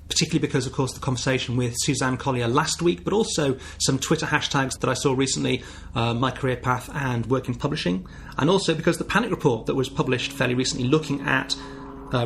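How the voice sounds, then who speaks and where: A man in his forties from the north of England, with a softened northern English accent, hosting his own podcast in a reflective, candid monologue. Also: mid-range voice, vocal fry, slight background noise. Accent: northern English, softened by years in the south. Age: 40s. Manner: reflective, candid, thinking aloud with small restarts. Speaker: podcast host.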